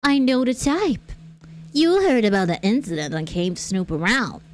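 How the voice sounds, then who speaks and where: A woman's voice: mid-range voice, expressive, moderate pace, natural voice. A woman voicing a bossy, gossipy old female security guard who scolds and barks orders. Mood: scolding. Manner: brash, scolding, barking orders.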